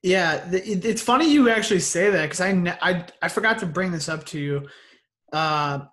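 Young male co-host, high bright voice, lively rambling storyteller. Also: moderate pace. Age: young adult. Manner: animated storyteller, says bro and like a lot. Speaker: podcast co-host. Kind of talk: casual chat.

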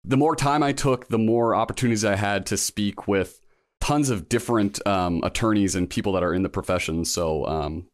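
This guest is a law school applicant in his thirties, speaking at a moderate pace in a fairly low voice during a relaxed interview. His talk is reflective and meandering, with frequent fillers and false starts. The audio is clean, dry studio sound.

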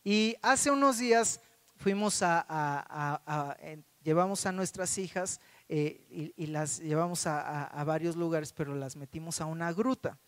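High-voiced pastor, dry sound. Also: male voice, dry recording. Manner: halting, repeats words often. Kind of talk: sermon with personal story.

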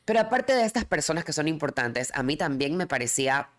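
A woman's voice: sits low, brisk. A woman hosting a casual chat, telling her own experiences openly and with lots of restarts. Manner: open, animated storytelling with frequent restarts.

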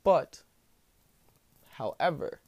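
A man with a smooth voice hosting a solo podcast in casual, rambling talk full of slang and swearing. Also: extremely slow, dark tone, dry recording. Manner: profane, slangy. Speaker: podcast host.

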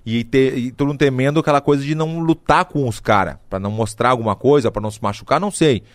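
A middle-aged Brazilian man telling a story casually, animated and slangy, acting out what people said. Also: medium pitch, quick pace, no echo. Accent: Brazilian Portuguese. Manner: animated, slangy, acts out quotes.

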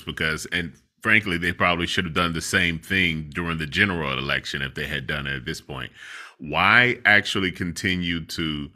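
A man co-hosting a political talk podcast, chatting in a relaxed way and laughing easily. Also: rumbling low. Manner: scripted show intro read. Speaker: podcast co-host. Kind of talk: casual political discussion.

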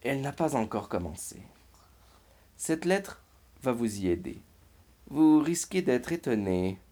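Upbeat helpful storybook girl, read by a man, lively tone. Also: medium pitch, measured pace. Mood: reassuring. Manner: reassuring, upbeat. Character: kind, confident little girl helper.

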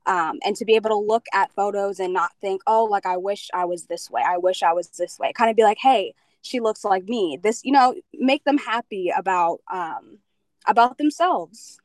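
Relaxed young woman, dry close sound. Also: medium pitch, normal speed, no room sound. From Jamaica, grew up in Pennsylvania. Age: 20s. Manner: relaxed, many "um" fillers, easygoing. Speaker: model, interview guest. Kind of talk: casual interview answers.

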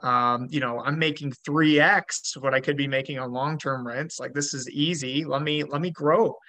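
A man's voice: on the high side, fairly even intonation, normal speed, bright, forceful tone, no room sound. A man from Georgia talking as a podcast guest, chatty, with many fillers and restarts. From Georgia, US South. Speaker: podcast guest, rental investor. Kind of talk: casual interview talk.

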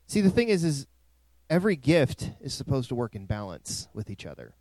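A man's voice: medium pitch, very animated, brisk, a little mellow, no room sound. A male pastor preaching a sermon in a dry, close recording, with emphatic rising swells.

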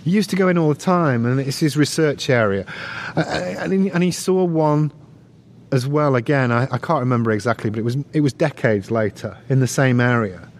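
A man's voice: mid-range voice, fairly quick. A man, a guest on an interview show, telling long stories with many restarts and easy laughs. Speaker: guest, researcher. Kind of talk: casual interview chat.

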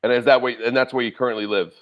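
Friendly host on a dull call line. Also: male voice, mid-range voice, steady tone, racing. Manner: friendly, enthusiastic. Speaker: podcast host. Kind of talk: podcast interview.

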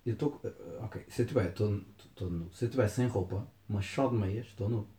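A young man with a European Portuguese accent, debating casually in an animated, slangy, sweary way. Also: lowish voice, normal speed. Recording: echoey room.

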